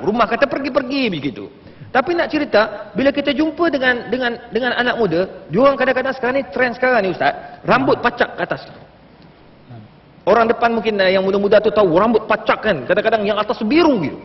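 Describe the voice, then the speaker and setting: A man's voice: very high voice, expressive, fast talker. A man in his late thirties speaking as a panelist on a religious forum, telling stories with animation and addressing the audience. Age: late 30s. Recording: dull, echoey hall broadcast sound.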